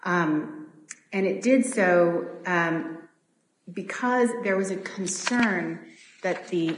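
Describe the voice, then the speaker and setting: A woman attorney giving a formal appellate oral argument, measured and polite with occasional fillers. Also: fairly low pitch, roomy sound, rough recording. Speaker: attorney arguing for a city.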